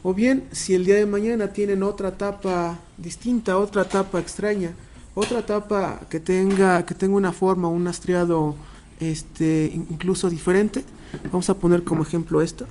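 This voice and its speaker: A man's voice: sits high, steady tone, moderate pace, a little mellow, slight background noise. A man demonstrating a machine to clients, explaining step by step with frequent hesitant fillers and restarts.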